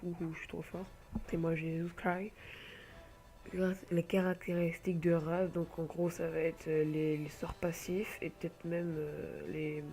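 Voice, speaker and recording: Presenting an online game with a cold, a man talks over the gameplay in a slightly mellow, higher-leaning voice. The home computer mic catches his casual, halting rambling and frequent filler sounds.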